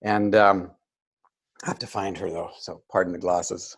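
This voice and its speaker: A man's voice: deep voice, a little slow, vocal fry, husky. An older man, a guest on a video call, telling a story casually and acting out the voices of people he quotes. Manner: animated, acts out quoted voices. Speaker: interview guest.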